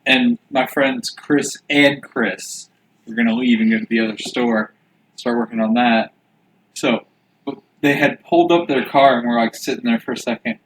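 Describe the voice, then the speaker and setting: A man's voice: mid-range voice, moderate pace, a bit bright. A man co-hosting a casual podcast, telling a funny story and acting out voices. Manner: laughing anecdote, acts out voices. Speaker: podcast co-host. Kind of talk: casual chat. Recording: echoey room with noise.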